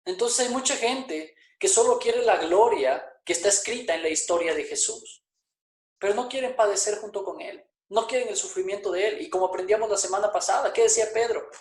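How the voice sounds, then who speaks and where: Man, pastor, sermon, emphatic, rhetorical questions, high-pitched, echoey church. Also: brisk.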